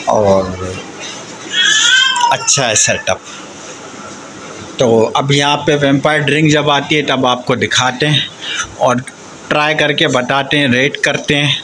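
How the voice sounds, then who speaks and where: A man in his thirties with a slightly bright voice on the high side narrates a casual family vlog. The rough recording has a little hiss or hum, and he chats to viewers and coaxes a child along at a restaurant and themed cafe, partly outdoors.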